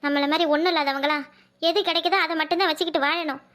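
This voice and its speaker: A woman voicing a heartbroken, resigned young village bride in a cartoon, soft and tearful, with a Kanyakumari Tamil accent. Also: high voice, steady tone, racing. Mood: despairing.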